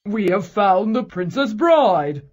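A woman's voice: mid-range voice, measured pace, a little mellow, faint music behind, pitched below the performer's own voice, close to an everyday voice. A woman voicing the king's men, formal and dutiful male officials in a children's storybook reading, on a slightly dull recording. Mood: joyful.

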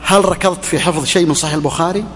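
A man's voice: a little high, fairly even intonation, very fast, a bit bright, in a large hall, slight background noise. A middle-aged man giving a religious lesson, exhorting with rhetorical questions and repeated phrases. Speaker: sheikh teaching hadith.

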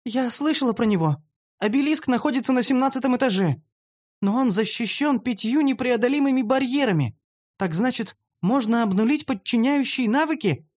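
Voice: medium pitch, lively intonation, normal speed, a little mellow, pitched above the performer's own voice, close to an everyday voice. A narrator voicing a timid, earnest young female gnome who explains things carefully. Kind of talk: audiobook character voice.

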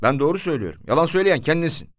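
A man's voice: fairly high pitch, big pitch swings, very fast, dry recording, pitched above the performer's own voice. A man acting taxi driver, defiant, insistent, dry close sound. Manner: insistent, protesting. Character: stubborn lying male taxi driver, defiant.

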